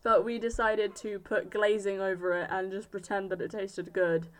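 Young woman, mid-pitch, playful co-host who tells self-deprecating stories in a casual chat. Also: little pitch movement, moderate pace. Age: young adult.

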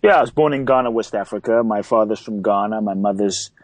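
A man from London speaks as a podcast guest, telling his life story earnestly and reflectively. His voice sits low, and the recording is dry and close. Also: brisk, dry recording, low-quality recording. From grew up in London. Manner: earnest, reflective, repeats words. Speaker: guest, transformational coach. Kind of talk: interview storytelling.

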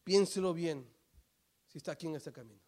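High-voiced man preaching a fervent sermon. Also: a little fast. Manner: swings from loud fervent preaching to hushed near-whispers, mixing in English phrases. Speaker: pastor.

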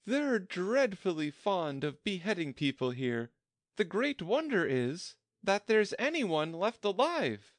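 A man's voice: high-pitched, sing-song, slow pace, no room sound, studio quality, voice pushed up, heavily acted. Alice, a man voicing a prim complaining girl. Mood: wondering. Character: curious, fretful young girl. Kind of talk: storybook reading.

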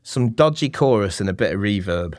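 A man's voice: lowish voice, animated, a little fast, no echo, clean studio sound. A man with a Manchester accent co-hosting a podcast, explaining things in a chatty, self-deprecating way. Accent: Mancunian. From England. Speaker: podcast co-host. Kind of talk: casual chat.

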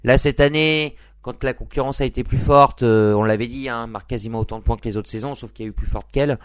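A man hosts a casual sports podcast, chatty and quick to laugh, peppering his joking talk with lots of "hein" fillers. His smooth, mid-range voice moves fast, with no echo and studio-quality sound.

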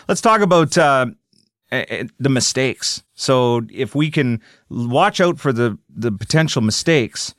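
Man, podcast host, mid pitch, dry close mic, chatty questions. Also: fairly bright tone, no room sound. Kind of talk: podcast interview.

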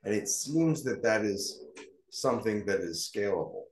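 A man's voice: fairly low pitch, animated, normal speed. A man hosting a casual interview, his voice ringing with a heavy canyon-like echo from a new, echoey location, often checking in with "right?" and "correct?". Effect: heavy echo, like talking in a canyon. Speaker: podcast host.

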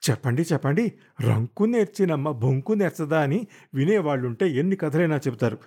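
A man voicing an angry, jealous young wife who wails and hurls shrill accusations in an audiobook. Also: lively intonation, fairly quick, a little mellow. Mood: accusing, wailing. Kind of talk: audiobook character voice.

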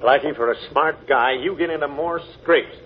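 A man's voice: fairly high pitch, moderate pace, lightly acted. Blunt, bossy police inspector played by a man. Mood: gloating. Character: gruff, gloating, stubborn police inspector, adult man. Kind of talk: 1940s radio acting. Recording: muffled, noisy 1940s radio recording.

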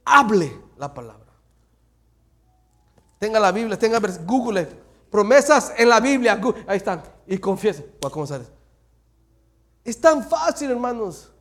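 High-voiced preaching man. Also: sing-song, unhurried, long pauses. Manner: swings from loud exhortation to hushed near-whispers; mixes English phrases into Spanish preaching. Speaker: pastor. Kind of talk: sermon.

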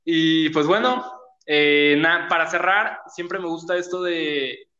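A man's voice: a little high, slow pace, lo-fi sound, noisy background. A young man with a Mexico City accent hosting a casual podcast, slangy and laughing often. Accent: Mexico City Spanish. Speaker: podcast host.

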